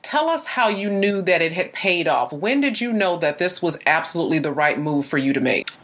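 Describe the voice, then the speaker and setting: Affirming podcast host, low voice. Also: female voice, expressive, fairly quick, a bit bright. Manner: affirming, with fillers like um and you know. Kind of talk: interviewing.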